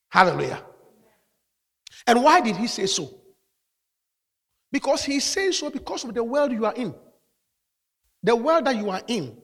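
A man preaching to his congregation in a high, animated voice that rises and falls as he drives each point home. His bright tone rings out through a church hall with a long reverb, and he punctuates his teaching with calls of hallelujah. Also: slightly rough. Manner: preaching with call-outs of hallelujah. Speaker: pastor. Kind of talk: sermon.

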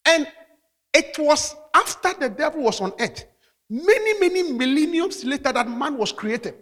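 A man's voice: extremely high pitch, sing-song, normal speed, a bit bright, in a large hall. A man preaching a sermon as pastor, calling out hallelujah between points. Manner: preaching with call-outs of hallelujah.

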